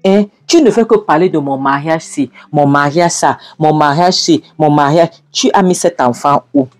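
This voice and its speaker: A woman's voice: sits low, normal speed, soft background music. A woman narrating a film recap, retelling the scenes and commenting directly to the listener. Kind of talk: storytelling movie recap.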